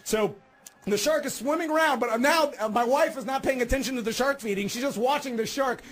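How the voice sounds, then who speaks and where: A man hosting a morning radio show, telling a story in an animated way, laughing often and acting out other people's voices. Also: very high-pitched, brisk.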